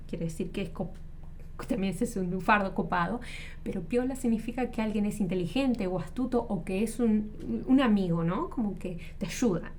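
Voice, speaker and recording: A woman gives a relaxed Spanish lesson, her voice mellow and warm at a middling pitch. She explains patiently with examples and often stops to rephrase or correct herself mid-sentence. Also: slight background noise. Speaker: Spanish teacher.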